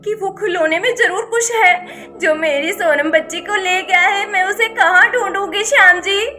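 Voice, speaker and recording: A frantic village mother, voiced by a woman in a doll story, calling out and pleading on the edge of tears. Her voice sits very high and sounds bright and sharp. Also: moderate pace, soft background music. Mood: panicked.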